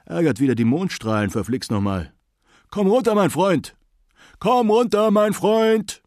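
A man voicing a cheerful, eccentric old Man in the Moon who calls out loudly and excitedly. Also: on the low side, moderate pace, no echo, clean studio sound. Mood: calling out.

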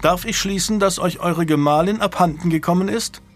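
A man's voice: high-pitched, fairly quick, faint music behind, voice pushed up, close to an everyday voice. A man reading an audiobook voices a young medieval lord who speaks in a mocking, cutting way. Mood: sardonic. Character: young medieval lord, sharp-tongued and protective.

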